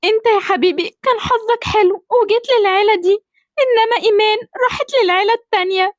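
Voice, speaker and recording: A woman's voice: extremely high pitch, fairly even intonation, fast talker, no room sound, studio quality. A woman voicing a poor, guilt-ridden birth mother in an amateur cartoon drama, lamenting and begging. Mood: confessing.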